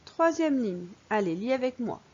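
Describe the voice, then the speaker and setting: A woman's voice: fairly high pitch, very animated, moderate pace, darkish tone, slightly rough. A woman, teaching early reading to young children and patiently sounding out syllables. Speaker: primary school teacher. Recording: dull lo-fi recording.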